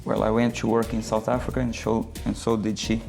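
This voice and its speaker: A middle-aged man from Brazil, a talk show guest who pauses and searches for words. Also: fairly low pitch, little pitch movement, creaky, darkish tone, soft background music. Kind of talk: casual talk show chat.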